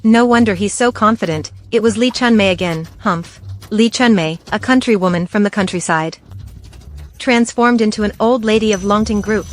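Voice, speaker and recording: A woman's voice: medium pitch, normal speed, lightly acted. A woman voicing a stern middle-aged company chairperson in an English drama dub, speaking coldly and with command. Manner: cold, commanding. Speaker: dub actor.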